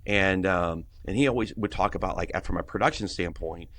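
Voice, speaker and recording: A man's voice: low-pitched, a little fast, fairly bright tone. A middle-aged man, a pastor, talking earnestly on a podcast, rambling with many restarts. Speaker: guest worship pastor. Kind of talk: casual podcast conversation.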